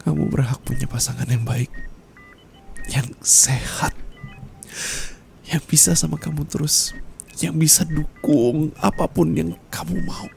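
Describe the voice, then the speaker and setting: A young man voicing a dying husband in a whispered role-play, speaking softly and apologetically to his wife, close to the mic. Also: on the high side, fairly even intonation, a little slow, creaky, pauses often, soft background music. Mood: consoling. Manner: soft, tender, apologetic murmuring.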